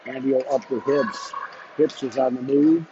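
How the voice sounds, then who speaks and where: Man calling hockey play-by-play, lo-fi. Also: mid-range voice. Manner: rapid clipped calls, bursts of excitement on shots. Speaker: play-by-play commentator. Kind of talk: live hockey play-by-play commentary. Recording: dull lo-fi stream audio with noise.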